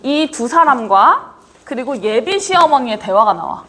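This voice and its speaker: Here a female lecturer with a voice that sits high talks a little slowly over slight background noise. Her leadership training session is lively and relaxed, full of frequent casual quizzes and down-to-earth exchanges with students.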